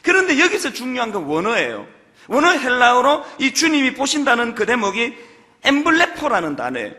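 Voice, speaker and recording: Middle-aged Gyeongsang pastor, high and forceful, earnest sermon in a reverberant church. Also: male voice, huge pitch swings, brisk. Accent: Gyeongsang Korean. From Gyeongsang region, South Korea. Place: large church sanctuary. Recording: long church hall reverb.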